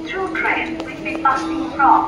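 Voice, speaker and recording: A woman making slow, deliberate railway announcements over a station loudspeaker, reading numbers one digit at a time. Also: high voice. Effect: heard over a station loudspeaker. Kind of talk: public address announcement. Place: railway platform. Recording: echoey distant station loudspeaker with music.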